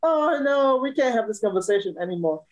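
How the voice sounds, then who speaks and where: A woman's voice: on the high side, animated, a little fast, poor audio. A woman from Cameroon, a musician guest in a casual interview, talking cheerfully and laughing often.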